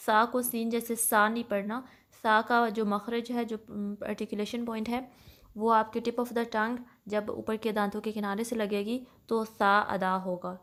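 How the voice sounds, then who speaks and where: A woman teaching Quran recitation rules, explaining each sound patiently, switching between Urdu and English and reciting examples slowly. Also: medium pitch. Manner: slows and recites Arabic examples louder. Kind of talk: tajweed lesson mixing Urdu and English.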